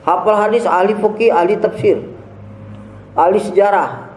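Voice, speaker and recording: A man's voice: high-pitched, normal speed, a little mellow, a little hiss or hum. A man preaching to a gathering, emphatic and scornful, firing off rhetorical questions. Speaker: religious leader giving a talk. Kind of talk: preaching sermon. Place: large gathering hall. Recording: echoey room.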